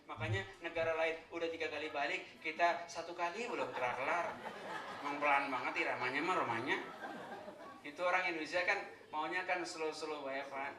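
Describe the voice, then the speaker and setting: A man's voice: a little high, reverberant, noisy background. A man giving a humorous sermon, telling stories and joking. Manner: joking, storytelling, chants Arabic phrases slowly. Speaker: preacher. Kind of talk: humorous sermon at a thanksgiving gathering.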